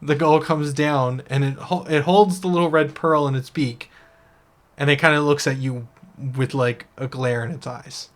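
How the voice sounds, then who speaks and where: A man narrating as game master in a tabletop game, halting and casual. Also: on the high side, fairly even intonation. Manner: halting, with restarts and fillers.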